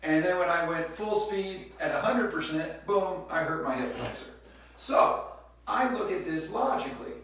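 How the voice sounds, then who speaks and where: A man vlogging casually to camera in a halting, explanatory way, recorded on a phone set up in a small room. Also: on the high side, fairly bright tone. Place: small indoor bathroom, sitting in a tub. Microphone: phone set up away from him. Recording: very echoey room, distant phone mic.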